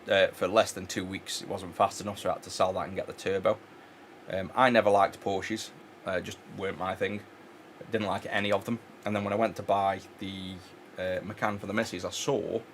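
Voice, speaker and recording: A man's voice: fairly low pitch, slight background noise. A man chatting casually while repairing electronics, rambling with many fillers and restarts. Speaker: electronics repair channel host. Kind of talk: casual chat while working.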